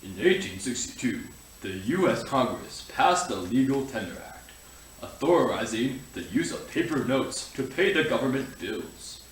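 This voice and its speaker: A man delivers scripted history narration at a middle pitch. He sounds distant from the mic in a very echoey room, with faint noise behind him. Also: very animated, unhurried.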